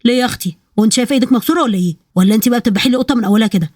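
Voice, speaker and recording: A cheeky young Egyptian man tosses out mocking jokes at a rushing pace, as a woman narrator plays him. The sound is close and completely dry. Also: on the high side, a little mellow, no echo, natural voice. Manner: mocking, joking.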